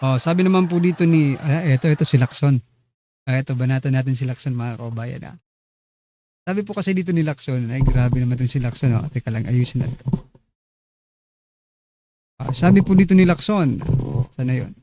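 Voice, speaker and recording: A man's voice: medium pitch, a little fast, pauses often, mellow, a little hiss or hum. A man hosting a casual political commentary show, chatty and teasing as he talks straight to his viewers. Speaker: online news commentary host.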